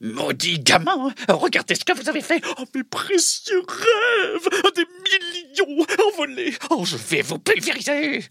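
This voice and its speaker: A woman's voice: high voice, wildly swooping pitch, a little slow, hardly any pauses, fairly bright tone, dry recording, studio quality, full character voice. A woman playing a boastful evil mad scientist spider who pilots a robot, in a theatrical children's audio story. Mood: furious, exasperated.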